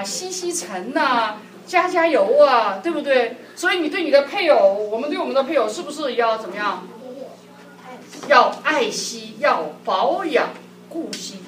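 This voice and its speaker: Lively woman telling church stories. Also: high-pitched. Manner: lively, laughing often, acts out quotes. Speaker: church speaker on marriage. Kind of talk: sermon-like personal storytelling. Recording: echoey hall, distant mic, background noise.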